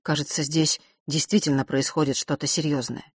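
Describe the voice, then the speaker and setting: A woman's voice: low voice, level tone, moderate pace, husky, no echo, studio quality. A woman reading aloud, voicing a bold young girl who asks blunt, demanding questions.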